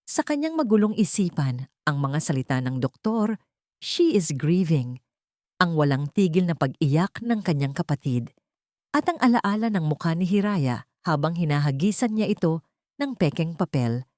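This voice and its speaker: With a deep, somewhat mellow voice, a woman with a Filipino accent narrates a dramatic scripted audiobook story very animatedly at a normal pace. The sound is studio quality and dry.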